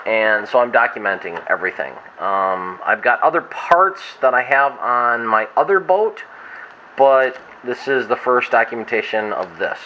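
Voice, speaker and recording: A hungover man talks off the cuff like a hobbyist showing his gear, drifting and leaving thoughts unfinished. His medium-pitched voice has a bright, forceful edge. The sound is somewhat dull and lo-fi, with faint noise behind him. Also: expressive, normal speed. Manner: rambling, trails off mid-thought. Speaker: hobbyist vlogger. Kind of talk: casual unscripted show-and-tell. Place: inside a wooden boat. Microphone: camera glasses worn on the head.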